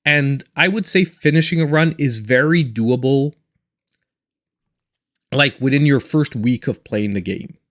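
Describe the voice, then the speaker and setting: A man's voice: mid-range voice, a little slow, fairly bright tone. A man in his forties chatting casually and in a reserved way while he live-streams a game as host. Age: 40s.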